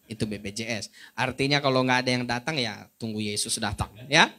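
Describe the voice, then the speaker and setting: A male pastor gives a lively spoken testimony from the pulpit. He moves between hushed low passages and raised, high emphatic stretches, and turns to the congregation with dry humor. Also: brisk. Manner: addresses listeners directly with wry humor. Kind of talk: sermon testimony told to a congregation.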